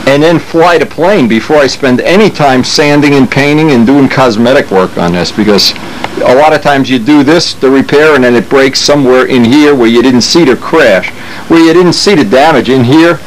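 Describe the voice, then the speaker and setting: A hobbyist demonstrates a model plane repair, talking unscripted and thinking aloud as he works in a casual, hands-on how-to. His mid-range voice moves at a normal speed over the steady machine hum of a noisy workshop.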